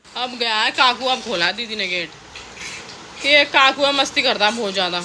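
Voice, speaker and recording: High-voiced woman vlogging, noisy. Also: moderate pace. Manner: teasing, lively, laughing scolding. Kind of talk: casual family vlog. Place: outdoors and at home with family.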